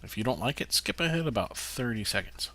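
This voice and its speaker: A man's voice: medium pitch, big pitch swings, brisk, bright, forceful tone. A man casually commenting on his game as he plays, rambling with many fillers and talking to himself. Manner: rambling, lots of uh fillers, talks to himself while playing. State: hiccups. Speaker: gaming channel host. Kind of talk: casual let's-play commentary.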